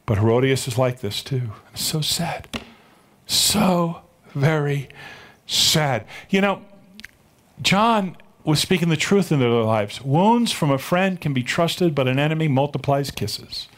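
A middle-aged man preaches a sermon from the pulpit, his voice pitched a little above the usual male range. He retells a story and keeps turning to the congregation with rhetorical questions. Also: expressive, normal speed. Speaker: pastor.

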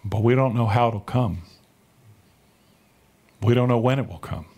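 A man's voice: mid-range voice, a little slow, dark tone. A middle-aged male pastor preaching a sermon, telling the story and asking the congregation rhetorical questions.

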